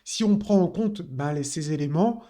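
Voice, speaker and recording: A man's voice: fairly high pitch, animated, normal speed, dark tone. A man talking casually through a crypto chart analysis, addressing viewers directly with many fillers.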